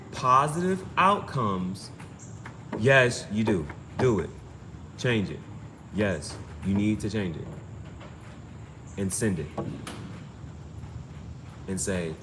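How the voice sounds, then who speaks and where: Fairly low in pitch with a slightly bright edge, this man is an amateur tarot reader and streamer. His informal spiritual reading hammers advice home insistently, repeating himself with emphasis. The recording has clearly noisy ambience.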